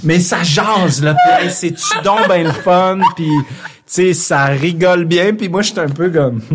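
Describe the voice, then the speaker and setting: A man's voice: sits high, unhurried, a little hiss or hum. A man with a Québécois French accent, a podcast guest telling a long, self-mocking story in casual chat with frequent restarts and laughter.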